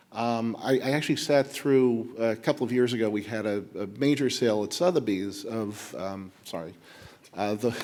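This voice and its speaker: A man's voice: mid-range voice, a little mellow. Art dealer on a panel: a man, plainspoken and anecdotal, with long hall reverb. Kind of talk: panel discussion.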